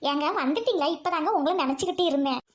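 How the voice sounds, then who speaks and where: Woman as fed-up drunkard's wife, Trichy accent, loud complaints, music faint behind. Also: sits high, very fast. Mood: pleading. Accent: Tamil Nadu (Trichy). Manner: loud scolding, wailing complaints. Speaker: comedy sketch performer. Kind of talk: comic domestic sketch.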